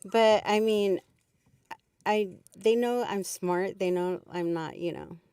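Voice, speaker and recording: A woman's voice: medium pitch, slow pace, dark tone, clean tone, no room sound, far from the mic. Middle-aged woman chatting, slightly off-mic. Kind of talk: casual conversation.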